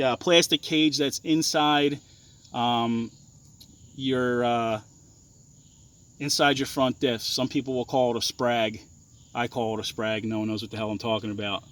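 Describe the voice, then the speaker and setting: Blunt, halting man showing off his ATV. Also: medium pitch, fairly bright tone. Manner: halting, many ums and restarts, blunt and profane. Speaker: ATV owner explaining his bike mods. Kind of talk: casual walkaround explanation.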